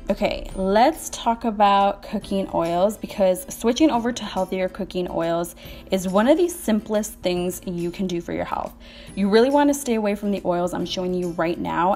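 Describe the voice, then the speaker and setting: A woman talks through a grocery haul in a friendly, upbeat voice-over. Her pitch sits in a middle range, and she sounds chatty, with small laughs between points. Soft music plays faintly underneath. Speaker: vlogger.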